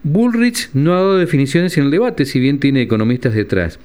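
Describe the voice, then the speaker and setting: An Argentine man interviewing a guest, asking lively questions. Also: mid-range voice, brisk, smooth. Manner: lively questioning with brief backchannel.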